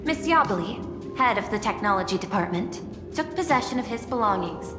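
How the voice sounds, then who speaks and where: An actress playing a cool, calculating artificial intelligence chief executive in a game, formal, composed and precise, with a dry teasing edge. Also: female voice, mid-range voice, lively intonation, fairly quick, echoey room, in a large hall, over music, natural voice. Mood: measured, grave. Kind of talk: dramatic game voice acting.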